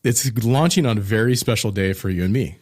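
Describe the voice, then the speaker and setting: A man's voice: on the low side, a little fast, a little mellow. A middle-aged man co-hosting a podcast, upbeat as he explains plans step by step in casual chat. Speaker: podcast co-host.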